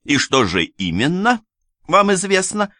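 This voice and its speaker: A man's voice: huge pitch swings, unhurried, bright, forceful tone, no echo, studio quality, full character voice. A man doing a sneering haughty noblewoman. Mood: scornful. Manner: sneering, shrill outbursts. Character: scornful noblewoman landowner, haughty and defiant.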